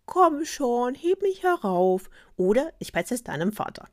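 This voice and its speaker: A woman voicing a cheeky, pushy male frog in a spoken fairy tale, high and demanding. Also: very animated, unhurried, a little mellow.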